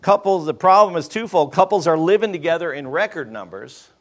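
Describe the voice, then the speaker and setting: A man's voice: a little high, expressive, a little fast. A man in his fifties, a pastor, preaching a sermon with emphatic rhetorical questions to a congregation. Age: 50s.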